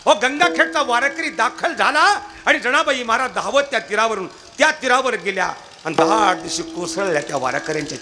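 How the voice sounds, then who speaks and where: A man preaching a devotional kirtan, telling the story dramatically and calling out to his listeners at a live festival. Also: high voice. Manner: emotional, dramatic, calls out to the audience. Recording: noisy live event recording.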